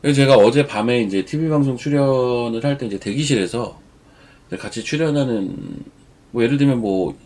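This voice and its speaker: He's the regular commentator on a live-stream show, nursing a cold while he chats loosely about the stock market and veers into his own stories. His voice is mid-range and darkish, at a moderate pace.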